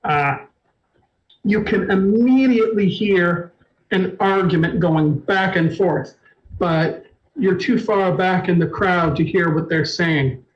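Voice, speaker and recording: A man narrating a tabletop game as storyteller, halting, with many fillers and restarts. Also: high voice, highs cut off.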